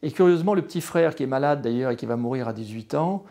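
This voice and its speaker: A Frenchman in his late sixties, formerly a history professor, shares a personal account in an interview, faltering with frequent fillers and restarts. He has a warm, gravelly, mid-range voice, speaks expressively, and moves at a quick pace.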